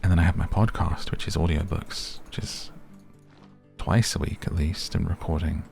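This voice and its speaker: A man with a hoarse, raspy, strained voice, giving relaxed, rambling game commentary meant for sleep and muttering to himself as he plays. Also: low voice, normal speed, faint music behind. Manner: chatty, muttering to himself while playing. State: voice going hoarse. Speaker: gaming video creator and podcaster.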